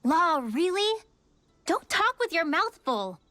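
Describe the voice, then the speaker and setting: An actress playing a proper, aloof young woman in a game, speaking crisply and scolding. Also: very high voice, big pitch swings, slow pace, bright, forceful tone, no room sound, exaggerated voice. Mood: composed. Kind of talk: game character dialogue.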